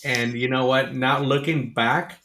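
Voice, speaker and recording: A man's voice: medium pitch, level tone, unhurried, pushed and bright, slight background noise. Candid male host in an echoey room. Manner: candid storytelling with many fillers. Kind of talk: conversational interview.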